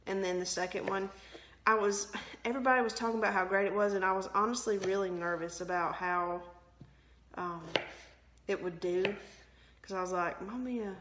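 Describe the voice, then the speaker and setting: A young woman rambles casually in her home kitchen for a vlog, joking at her own expense and laughing often. Her mid-range voice is steady, a bit bright, and moderately paced. The rough recording carries a little hiss or hum.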